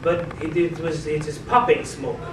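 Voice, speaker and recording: A man's voice: a little high, steady tone, moderate pace, close to an everyday voice. A male actor playing a dazed, erratic soldier-like man in a comedy series. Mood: dazed, quiet. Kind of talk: live-action comedy series dialogue. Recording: roomy, noisy, distant location sound.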